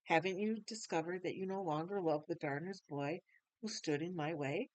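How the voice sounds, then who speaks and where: A woman's voice: fairly low pitch, moderate pace, a little mellow, no room sound, lightly acted, rough recording. A woman doing a greedy, demanding old courtier. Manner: demanding, indignant. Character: greedy old male courtier, pompous and whiny.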